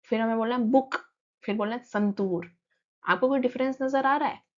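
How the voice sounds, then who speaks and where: A woman teacher, explaining a textbook lesson and reading English lines slowly before she explains them. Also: a little high, a little mellow, lo-fi sound.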